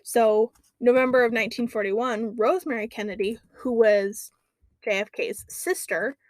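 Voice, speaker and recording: A woman's voice: fairly high pitch, no room sound. A woman co-hosting a casual podcast, reading dates and facts from her notes with frequent ums. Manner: chatty, fills pauses with "um". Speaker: podcast co-host. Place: lives near an Alaskan lake.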